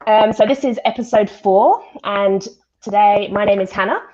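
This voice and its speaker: Hosting a casual live online panel by video call, a volunteer science event presenter talks in a chatty, conversational style. She has a mid-range, slightly mellow voice at a normal speed, and the call audio is dull and lo-fi.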